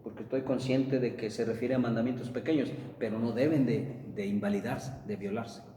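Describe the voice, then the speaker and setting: A man preaching a sermon, rising emphatically to quote scripture and then dropping low. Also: fairly even intonation, brisk, mellow, a little hiss or hum. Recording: echoey room heard from a distance.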